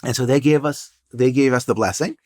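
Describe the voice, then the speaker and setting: An older man speaks as a podcast guest, spinning business anecdotes in a relaxed conversational way. He drops wry asides and puns as he goes, in a voice of ordinary middle pitch. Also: brisk. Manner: storytelling, wry and punning. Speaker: guest, entrepreneur and professor. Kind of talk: casual interview chat.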